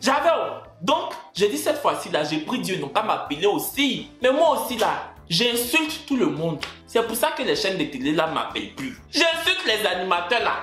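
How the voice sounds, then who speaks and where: A man's voice: sits high, normal speed, hardly any pauses. A young man with an Ivorian French accent, ranting and joking in a casual vlog. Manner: animated, joking, swings between loud indignation and mutters. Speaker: YouTuber. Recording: echoey room with faint music.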